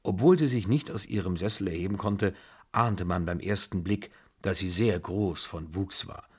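A male audiobook reader with a husky voice, narrating a story in the first person in a measured, even way. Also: sits low.

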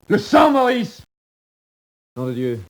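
An actor playing a proud, despairing condemned prisoner in a 1940s radio drama, speaking theatrically. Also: male voice, deep voice, normal speed, darkish tone. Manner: theatrical, swinging from bitter murmurs to cries.

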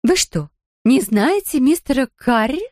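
A woman's voice: high voice, expressive, unhurried, darkish tone, no echo, voice pushed up. An anxious, kindly mother, put on by a woman reader, frets in a raised, worried voice. The tone is close and dry. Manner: worried, fretful.

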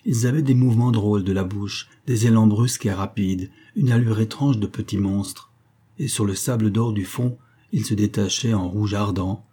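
A man narrating a classic novel as an audiobook in a measured, expressive reading. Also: fairly low pitch, slightly rough.

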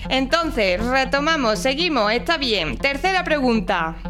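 A woman hosts a comic quiz sketch on radio, playful and teasing. Her voice sits high, with faint music in the background. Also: very animated, a little slow. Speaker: radio host.

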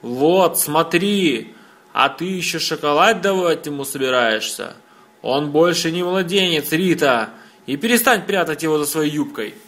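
A man reading a story, voicing an angry, hot-tempered father who shouts and scolds. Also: a little high, measured pace. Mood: furious.

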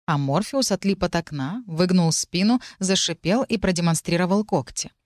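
A woman reads a first-person fantasy audiobook in a low, measured voice. Her telling stays even and steady. The recording is dry and close, with no echo. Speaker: audiobook narrator.

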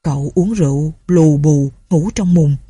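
A woman's voice: medium pitch, animated, moderate pace, husky, dry recording, studio quality. A woman reading a story aloud, voicing an anxious, loyal old male servant. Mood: hushed. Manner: anxious, soft-spoken.

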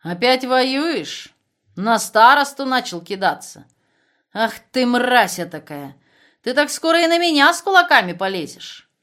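A woman's voice: fairly high pitch, sing-song, measured pace, a bit bright, pitched above the performer's own voice. A woman voicing a harsh Russian camp commander who bellows contemptuous insults. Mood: furious scorn.

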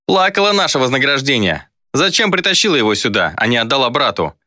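A man's voice: mid-range voice, very animated, fast, sharp tone, dry recording, clean studio sound, voice pushed up. A man voicing a smug young male sorcerer who mocks and smirks as he talks. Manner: smirking, mocking.

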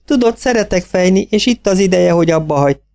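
A man's voice: sits high, animated, gravelly, darkish tone, voice pushed up. A man voicing a farmer's grown daughter, an eager young woman, in an audiobook.

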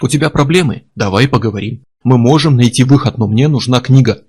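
A man's voice: mid-range voice, fairly quick, darkish tone, breathy edge, natural voice. A man voicing a pushy, impatient male book publisher who nags brusquely over the phone. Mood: persuasive. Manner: brusque, nagging.

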